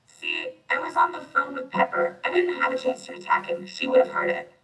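A man's voice: extremely high pitch, huge pitch swings, fairly quick, creaky, sharp tone, exaggerated voice. A male playing Iron Man, a defensive armored superhero, in a youth audio play, recorded roomy and off the mic. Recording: roomy, distant mic, faint music.

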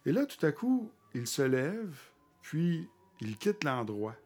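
A man with a Québécois accent, a podcast guest recounting personal experiences in conversation, pausing often with fillers and restarting his sentences. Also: a little high, very animated, a little mellow, faint music behind. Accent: Québécois French. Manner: halting, with frequent fillers and restarts. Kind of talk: conversational storytelling.

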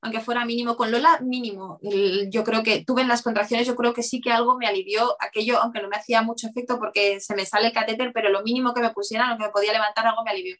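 A woman's voice: a little high, steady tone, fairly bright tone. A woman, telling a personal story in conversation as an interview guest, rambling with many restarts. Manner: rapid, rambling, full of "o sea" restarts.

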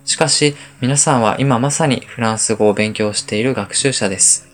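A man who teaches French, giving a calm, explanatory podcast lesson and spelling words out slowly. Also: medium pitch, faint music behind.

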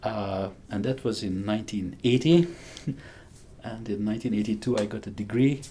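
This clip has slight background noise. The speaker is a physicist in his sixties with a Hungarian accent, giving an eager, chatty interview full of chuckles and restarted sentences, his warm, lowish voice at a normal speed.

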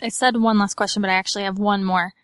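A woman's voice: medium pitch, steady tone, fast, clear, resonant tone, no echo, studio quality. A woman with a Utah accent hosting a podcast interview in a casual, conversational way.

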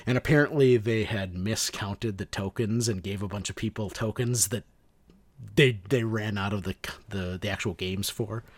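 Low-voiced man in casual podcast chat. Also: moderate pace, no echo. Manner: rambling, self-correcting. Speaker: co-host.

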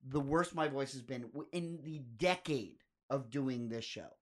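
A man hosting a podcast, chatting casually and riffing with jokes. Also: mid-range voice. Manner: joking, quick to riff and exaggerate. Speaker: podcast host. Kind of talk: casual conversation.

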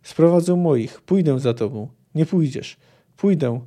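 A man's voice: a little high, animated, a little slow, dark tone. A man reading a battered, spiteful spy.

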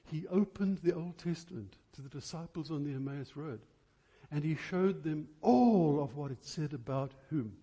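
Fairly high-pitched and mellow, a man gives an emphatic, impassioned church sermon. He asks rhetorical questions and puts deliberate stress on important words.

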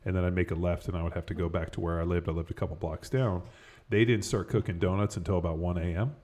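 A man's voice: deep voice, fairly even intonation, fast talker, warm tone. A man hosting a podcast in loose, casual chat, swearing often and rambling with lots of fillers. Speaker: podcast host.

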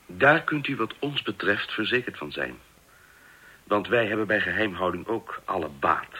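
An actor playing an earnest official making a formal, persuasive case in a radio drama. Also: male voice, lowish voice, expressive, moderate pace, bright, forceful tone, breathy edge, full character voice. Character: earnest Israeli official negotiating weapons. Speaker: negotiator.

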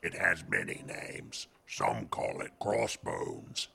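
Wise patient alien for a cartoon, low husky voice, solemn. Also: male voice, huge pitch swings, pushed and bright, full character voice. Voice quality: gravelly, husky. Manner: measured, solemn.

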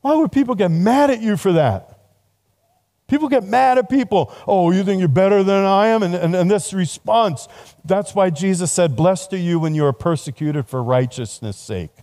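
A man's voice: sits high, animated, normal speed, warm tone. A middle-aged man preaching a casual, conversational sermon to students, laughing at himself often.

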